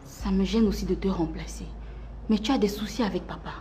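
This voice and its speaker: A woman playing a new company boss who speaks in a formal, measured way, in comic soap-opera acting. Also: medium pitch, warm tone, slight background noise, close to an everyday voice. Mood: composed.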